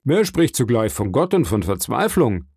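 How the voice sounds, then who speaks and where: A man's voice: mid-range voice, very animated, normal speed, darkish tone, husky, no echo, clean studio sound. A man voicing an old male prisoner who speaks from behind a wall and asks terse, urgent questions. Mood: probing.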